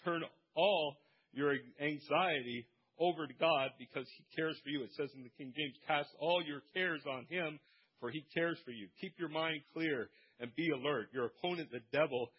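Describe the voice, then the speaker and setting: A man preaches a lively sermon, his voice a touch high and husky. He moves from quiet asides to shouted calls. The recording sounds dull and muffled. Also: normal speed. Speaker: pastor.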